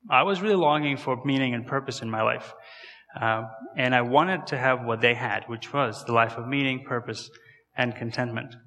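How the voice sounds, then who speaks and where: A man's voice: medium pitch, normal speed, bright, forceful tone, in a large hall. A man in his thirties from Kazakhstan, with an accent from there, giving a conversational guest sermon in a church and asking the audience questions. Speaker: guest missionary speaker.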